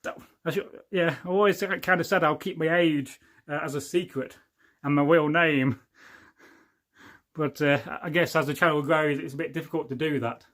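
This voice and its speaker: Chatting loosely on a casual livestream, an English man in his forties jokes his way through viewers' comments, rambling and often losing the thread. His voice is a little high and fairly bright, with fairly even intonation and a moderate pace.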